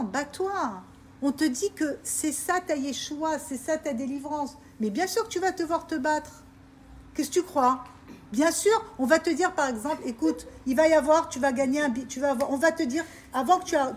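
A woman's voice: high-pitched, moderate pace, a little hiss or hum. A woman teaching a group of women about faith, emphatic and repetitive, often asking her listeners if they understand. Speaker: religious teacher. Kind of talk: informal Torah talk to women.

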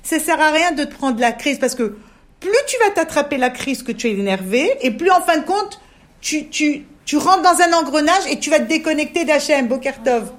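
A woman's voice: sits high, lively intonation, normal speed. A woman leading a women's religious discussion, coaxing her listeners and often checking that they understand. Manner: coaxing, keeps asking "you understand?".

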